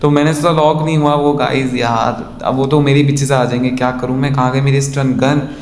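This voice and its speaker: A man's voice: mid-range voice, level tone, a little fast. A man casually commenting on his own gameplay in speech, chatting to viewers and calling them guys. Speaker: gaming vlogger. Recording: echoey room, faint ambient noise.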